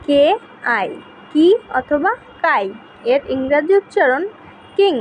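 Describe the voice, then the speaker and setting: Slow, high-voiced woman teaching pronunciation. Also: expressive, slight background noise, rough recording. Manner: slow, deliberate letter-by-letter reading. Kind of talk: spelling and pronunciation lesson.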